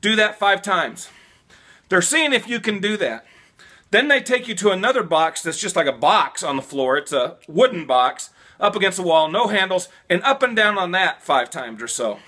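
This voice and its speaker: Animated high-voiced trucker vlogging. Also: male voice, moderate pace. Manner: animated, gestures a lot, repeats and restarts. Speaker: vlogger, new truck driver. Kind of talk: casual to-camera vlog advice. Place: small home room by a whiteboard.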